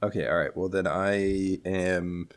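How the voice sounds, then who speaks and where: Low-voiced young man, swearing and joking. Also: fairly even intonation, a little slow, clear, resonant tone. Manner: swearing, jokey, laughs often. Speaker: player. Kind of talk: playing a tabletop game, casual chat.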